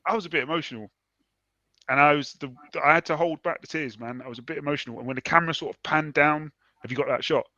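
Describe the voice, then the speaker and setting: A man co-hosting a casual sports podcast, telling his reactions in an animated, earnest way. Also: a little high, fast, dry recording, lo-fi sound. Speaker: podcast co-host. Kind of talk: casual chat.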